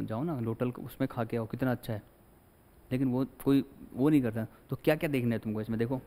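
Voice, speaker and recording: A man lectures in a chatty, storytelling way, often acting out little scenes. His mid-pitched voice rings with long reverb in a big hall. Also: warm tone. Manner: chatty, mixes Hindi with English, acts out little scenes. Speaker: teacher. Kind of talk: classroom lecture. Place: classroom.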